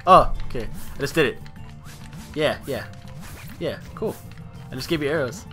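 A man's voice: medium pitch, expressive, moderate pace, music in the background. A young man chatting in a rambling, casual way while commentating a video game with a friend. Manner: rambling, chatty, full of likes and laughs. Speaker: gaming channel co-host.

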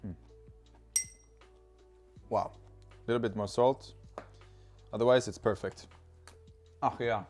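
Speaking slowly with long pauses, this man's mid-range voice is steady and darkish, with faint music behind him. He's a cheerful, chatty cooking video host in his thirties with a Swedish accent, demonstrating food casually in a home kitchen with an open garden door, using a lapel mic.

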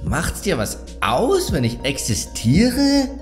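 A man's voice: wildly swooping pitch, slow pace, faint music behind, heavily acted. A man doing a sing-song, fawning insecure guy. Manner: rising sing-song pitch at phrase ends.

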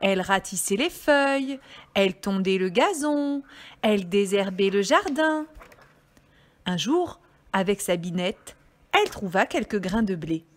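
Slow, expressive storytelling teacher. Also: female voice, medium pitch. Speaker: kindergarten teacher. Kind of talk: reading a storybook aloud to children.

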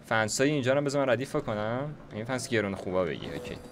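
A man's voice: mid-range voice, lively intonation, background noise. A young man giving casual, slangy gameplay commentary, chatting to himself as he builds. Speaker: gaming YouTuber.

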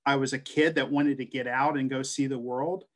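On a video call, a middle-aged man from the American West, a translator and scholar, gives a personal presentation into his webcam. His voice is medium-pitched and steady at a moderate pace, and he tells his story earnestly with lots of "uh" fillers and restarts.

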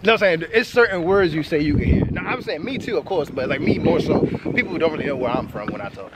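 Lively young man with a Baltimore accent. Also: fairly high pitch, fast, very noisy. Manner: laid-back, slangy, laughs often. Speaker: vlogger's friend. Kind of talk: casual chat. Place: outdoors in a residential neighborhood.

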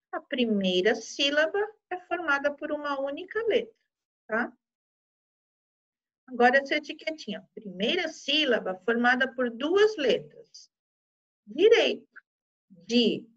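A female teacher with a Brazilian Portuguese accent, giving an online class to young children in a gentle, patient way, often checking in with them. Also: sits high, sing-song, a little slow, dull audio.

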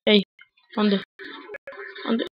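A man with a Mexican accent giving casual gameplay commentary over a headset, muttering quietly to himself in slang with sudden excited outbursts. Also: extremely slow, muffled recording, slight background noise. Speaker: gamer.

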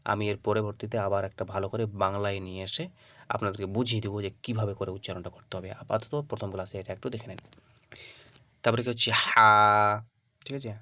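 A man teaching the Arabic alphabet for Quran reading. He calls out each letter loud and drawn out, then explains it softly, checking in with his listeners after every point. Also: lowish voice, fairly even intonation, fast, dry recording. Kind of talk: Arabic alphabet pronunciation lesson.

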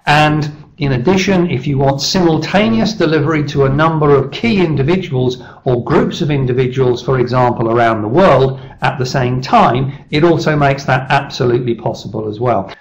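A middle-aged man giving a persuasive business presentation over slides on a webcam call, steady and measured with small restarts. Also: mid-range voice, rough recording. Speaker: leadership speaker presenting his service. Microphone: webcam video call.

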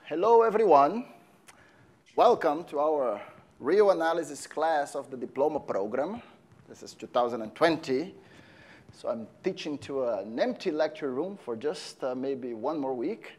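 A man in his thirties from Brazil, lecturing on a lapel mic in a large empty lecture hall, friendly and halting with fillers as he writes on the board. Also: medium pitch, a little mellow. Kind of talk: university lecture.

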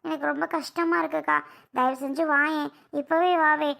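A young mother in a homemade family drama, anxious and insistent as she begs to be taken back to her child, played by a woman. Her voice sits very high and stays pleading and worried throughout. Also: fairly even intonation, moderate pace, creaky, pushed and bright, full character voice. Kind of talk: amateur family drama skit.

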